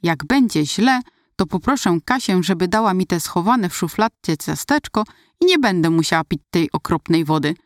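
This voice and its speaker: A woman narrating her own memoir in the first person, in a measured, reflective way. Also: on the low side, animated, no room sound, studio quality.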